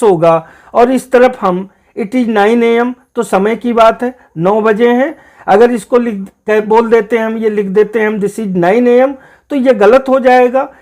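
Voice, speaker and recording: A teacher explaining an English grammar lesson, reading example sentences out slowly and repeating the key points. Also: medium pitch.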